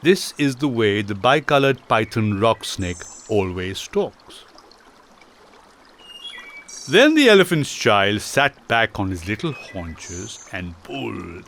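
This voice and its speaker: A man narrating a classic children's story in a slow, theatrical reading style. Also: mid-range voice, sing-song, creaky, fairly bright tone, a little hiss or hum.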